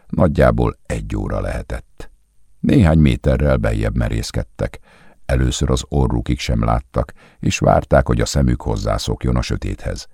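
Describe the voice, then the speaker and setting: A man reads a novel aloud in a calm, measured way. His voice sits extremely low, with a gravelly fry and a husky edge. The close recording is dry, with no room sound. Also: no room sound. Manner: calm, measured literary reading. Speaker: audiobook narrator. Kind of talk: scripted audiobook narration.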